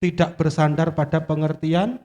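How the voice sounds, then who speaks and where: A man preaches a sermon in a church, joking with the congregation and putting questions to it. His voice sits high, and it carries a long reverb from the hall. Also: level tone, normal speed, darkish tone. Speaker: guest preacher.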